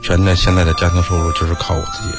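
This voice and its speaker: A middle-aged man from the Beijing area, a taxi driver guest on a radio talk show, speaking in a plain, halting, matter-of-fact way. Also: deep voice, little pitch movement, loud music behind the voice. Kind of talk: radio interview.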